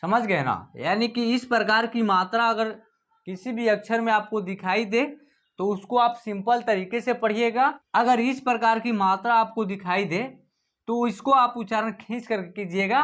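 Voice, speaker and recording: A woman's voice: fairly high pitch, a bit bright. Patient woman teacher sounding out syllables. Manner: frequent filler "jo hai na". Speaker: online Hindi reading teacher. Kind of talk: explanatory lesson narration.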